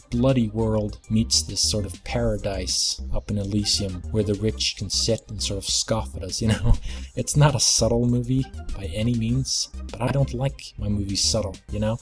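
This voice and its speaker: A man's voice: lowish voice, darkish tone. A young man giving an enthusiastic, rambling movie review, stacking adjectives and repeating words for emphasis. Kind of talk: casual video review.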